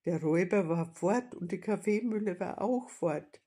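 A woman reading a children's storybook aloud as narrator, calm and steady. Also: lowish voice, normal speed, husky.

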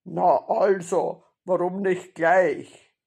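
A woman voicing a gruff, bossy male robber in a storybook reading, barking commands and growling threats. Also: fairly low pitch, fairly even intonation, drawn-out words, darkish tone, heavily acted. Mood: gruff, threatening.

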